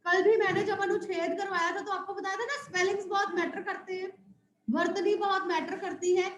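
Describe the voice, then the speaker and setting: A woman teacher giving a Hindi lesson to young pupils. She recites word lists slowly and stretches the words, then explains more quietly, checking with the class as she goes. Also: very high voice, fairly even intonation, muffled recording, a little hiss or hum. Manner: addresses pupils as children, checks with "right?". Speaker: school teacher. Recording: roomy echo.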